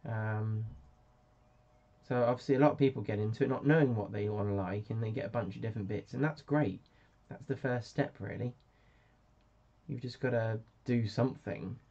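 A man's voice: fairly low pitch, moderate pace, dark tone. A man hosting a casual live stream, chatty and self-mocking as he answers viewers. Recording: dull lo-fi sound.

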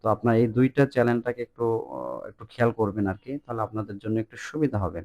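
A man teaching an online language lesson in a loose, informal way, with many fillers and slow repeated words. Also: medium pitch, steady tone, warm tone.

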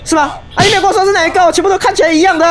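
A young woman giving excitable, shrieking let's play commentary, peppered with English exclamations. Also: very high voice, rapid-fire, music in the background. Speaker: gaming YouTuber.

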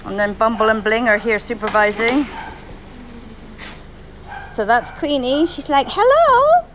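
Over some background noise, a woman chats casually in an upbeat handheld vlog at an outdoor animal shelter, talking to both dogs and people. Her voice is a little high and her pace a little slow.

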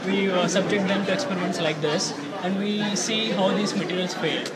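A man presenting an engineering exhibit in an indoor expo hall, explaining with frequent fillers and halting restarts. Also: high voice, fairly even intonation. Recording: crowded hall chatter. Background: crowd chatter.

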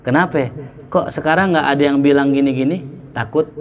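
A male Islamic preacher, giving a lively sermon full of jokes and anecdotes. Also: medium pitch, brisk. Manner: lively, joking, mimics market sellers.

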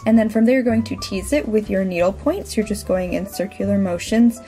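A woman's voice: medium pitch, fairly quick, mellow. A woman in her thirties talking casually and informally as the host of a craft tutorial. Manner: chatty, informal. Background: background music.

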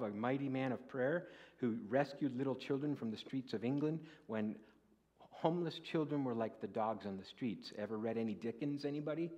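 A male guest preacher giving a sermon in a church, asking the congregation questions and rising to loud, high declaiming when he quotes scripture. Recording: dull lo-fi recording.

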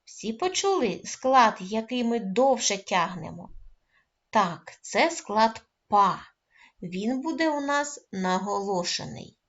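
A woman teaching a first-grade reading lesson, coaxing the children and praising them often, calling out words loudly and stretching their syllables. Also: mid-range voice, dull audio. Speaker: primary school teacher.

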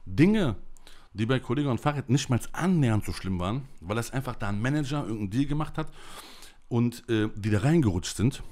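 A man's voice: medium pitch, expressive, fairly quick, darkish tone. A man delivering an angry, emotional monologue to camera, ranting in blunt, coarse language. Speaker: vlogger.

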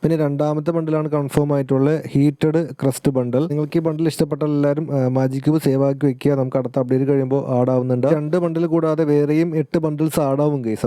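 Male gaming vlogger, very fast casual delivery, dark smooth tone, talks straight to his viewers. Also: mid-range voice, no echo. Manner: chatty, keeps addressing viewers as friends and guys. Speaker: gaming YouTuber. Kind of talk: casual game update commentary.

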